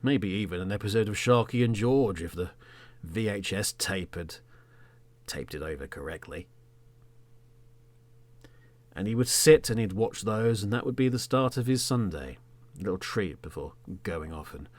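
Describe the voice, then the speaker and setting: A British man in his thirties hosts a podcast, narrating a third-person story as a theatrical monologue where he stresses certain words and lets phrases fade to a hush. His voice sits low, he speaks at normal speed, and he pauses often.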